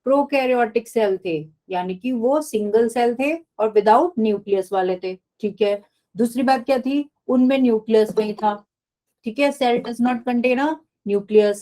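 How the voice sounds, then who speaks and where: A woman's voice: on the high side, warm tone. Hindi-speaking woman teaching biology online. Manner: repetitive, checks in with students often. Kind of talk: live online class.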